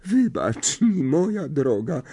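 A man's voice: big pitch swings, warm tone, husky, full character voice. A man voicing a dreamy, theatrical older female seer teacher in an audiobook, in a misty, quavering voice that drags out words melodramatically. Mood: languid. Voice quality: misty, quavering, swooping high voice. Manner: slow, melodramatic, drawn-out words. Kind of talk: audiobook character voice.

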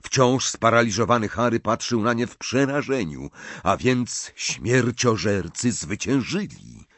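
Slow dramatic male audiobook narrator. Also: mid-range voice, lively intonation, fairly bright tone, no echo. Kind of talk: expressive audiobook reading.

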